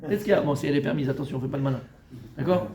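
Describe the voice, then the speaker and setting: A man, a rabbi, giving an informal Talmud lesson to a live group, familiar and teasing with his listeners, moving between loud urging and soft coaxing. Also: mid-range voice, racing, gravelly. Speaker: rabbi teaching a Torah class. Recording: echoey room.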